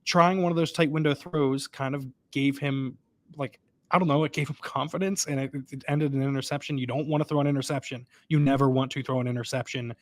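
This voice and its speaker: A sportswriter co-hosting a college football podcast from a stadium press box breaks down plays casually, thinking aloud, repeating himself and often asking "right?" to seek agreement. He is a fast talker with a medium-pitched, steady voice.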